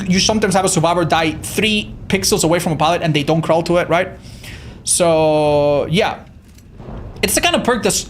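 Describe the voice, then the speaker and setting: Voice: mid-range voice, slight background noise. A game streamer giving casual live commentary in an informal, sweary way, talking straight to viewers. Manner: informal, sweary, addresses viewers as man and dude.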